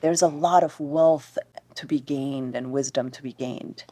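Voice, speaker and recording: A woman from Ethiopia hosting a podcast, speaking in a thoughtful, measured way. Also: very deep voice, dark tone, dry recording. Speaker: podcast host. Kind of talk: reflective conversation.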